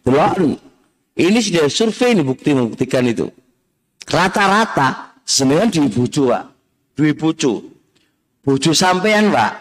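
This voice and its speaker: A middle-aged man with an East Javanese accent teaches a religious study class, his voice sitting somewhat high for a man. He slips Javanese phrases into his talk and speaks straight to his listeners, chiding them now and then. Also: a bit bright. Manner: mixes Javanese phrases into Indonesian, scolds and addresses listeners directly.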